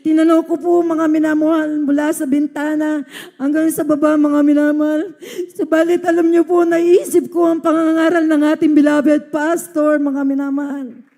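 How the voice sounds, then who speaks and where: A woman's voice: sits high, completely flat delivery, normal speed, vocal fry, mellow. A woman from the Philippines giving an earnest testimony to a church congregation, often addressing her listeners as beloved.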